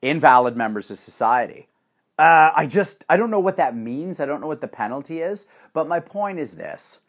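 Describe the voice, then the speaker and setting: A man delivering a profane, sarcastic ranting monologue with animated swings in energy. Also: fairly high pitch, normal speed.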